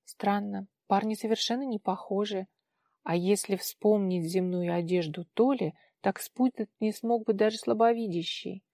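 A woman narrating an audiobook with an expressive reading. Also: medium pitch, normal speed, no echo, clean studio sound. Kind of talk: scripted narration.

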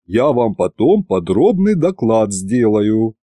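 A man voicing a calm, tired military commander who speaks in a measured, patient way. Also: lowish voice, no echo, exaggerated voice. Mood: weary.

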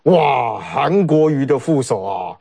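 A man with a Taiwanese Mandarin accent giving animated, sarcastic political commentary on a talk show, often mimicking what others said. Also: medium pitch, slow pace, vocal fry, breathy edge.

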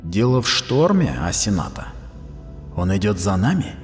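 A man voicing a troubled female sister in an audiobook, speaking quietly and subdued. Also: lowish voice, big pitch swings, normal speed, long reverb tail, faint music behind. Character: troubled young woman, a sister in denial.

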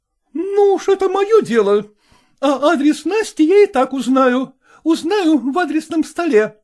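A man voicing an agitated middle-aged woman who runs a choir, exclaiming in a shrill, indignant tone. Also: very animated, measured pace, a little mellow, heavily acted. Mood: shrill outraged. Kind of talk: audiobook character voicing.

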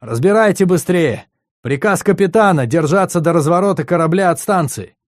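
A man's voice: on the high side, animated, moderate pace, no room sound, pitched above the performer's own voice, lightly acted. Man playing a space lieutenant, urgent, barking orders, raised voice, dry sound.

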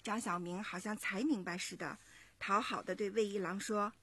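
A woman in her thirties narrates a children's story with expressive, measured pacing. Her voice is slightly husky. The sound is dry and close. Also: mid-range voice, no room sound. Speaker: parent storyteller.

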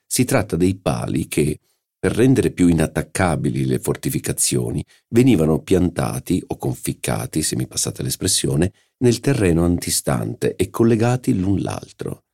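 A man's voice: very deep voice, sing-song, moderate pace, vocal fry, mellow, husky, exaggerated voice. A man voicing an older provincial nobleman who lectures precisely on family heraldry in an audiobook. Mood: pedantic.

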